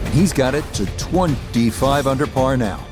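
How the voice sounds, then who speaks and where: A man voicing a composed video game golf commentator, calling play in a measured, understated sportscasting style. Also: mid-range voice, expressive, over music, close to an everyday voice. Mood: composed, approving.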